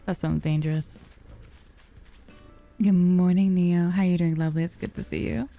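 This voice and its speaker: A woman streamer chats casually with her viewers. Her voice is soft and cozy, on the low side, with a dark, relaxed tone like storybook reading. She addresses listeners affectionately with pet names. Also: moderate pace, vocal fry, soft background music. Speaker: livestreamer, VTuber. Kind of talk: casual livestream chat with viewers.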